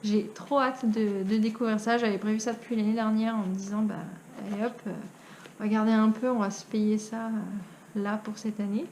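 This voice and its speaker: A woman's voice: medium pitch, little pitch movement, moderate pace, a little mellow, slight background noise. A young Frenchwoman from France chatting casually as a knitting vlogger, with many hesitations and frequent laughs. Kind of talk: casual chat.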